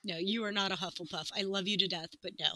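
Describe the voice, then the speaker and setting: A woman's voice: mid-range voice, steady tone, sharp tone, no echo, rough recording. A woman co-hosting a podcast, chatting casually and playfully, laughing often. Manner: giggly, playful, quick to laugh. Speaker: podcast co-host. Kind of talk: casual chat.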